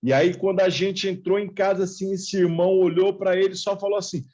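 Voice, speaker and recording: A man's voice: sits high, fairly even intonation, brisk, a little mellow. A middle-aged man, a pastor, telling his personal testimony in a live chat and acting out the dialogue as he goes. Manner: vivid storytelling, acting out quoted dialogue. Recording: dull lo-fi live-stream audio.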